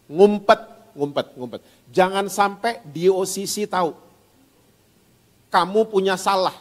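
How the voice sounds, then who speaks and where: A man's voice: high voice, a little slow. Sly male devil, put on by a preacher, coaxing, long hall echo. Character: sly male devil urging people to hide. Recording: reverberant church hall.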